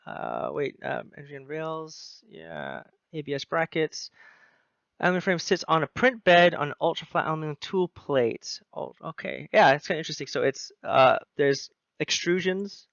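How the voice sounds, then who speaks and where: A man from Wales hosts a casual interview over a video call, his voice gravelly with fry. He hesitates and restarts his sentences often, full of fillers. The sound is dull and lo-fi, and the room is dry. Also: a little high, sing-song, moderate pace, a bit bright, no room sound. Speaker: host.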